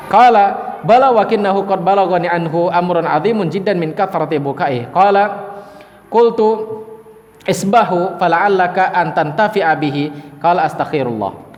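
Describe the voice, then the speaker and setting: A man's voice: high-pitched, normal speed, lo-fi sound. A man preaching an Islamic study lecture, retelling a story by reading Arabic lines and then explaining them. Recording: lecture hall with long reverb.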